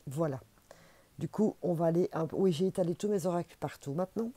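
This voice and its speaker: Belgian woman, low warm voice, chatty card reader who repeats herself to urge the viewer on. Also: brisk, no room sound. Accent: Belgian French. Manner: chatty, encouraging, repeats for emphasis. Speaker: intuitive oracle card reader. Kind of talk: casual spiritual card reading to camera.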